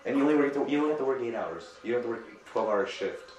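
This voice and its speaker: A man's voice: mid-range voice, lively intonation, racing, a little mellow, echoey room, distant mic, dull audio. A young man tossing out blunt, profane remarks in casual chat with friends.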